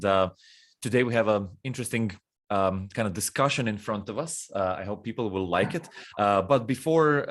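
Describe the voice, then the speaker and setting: A man from Croatia hosting a podcast, asking questions in a casual, friendly way with frequent ums and uhs. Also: fairly low pitch. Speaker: podcast host. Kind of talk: casual interview conversation.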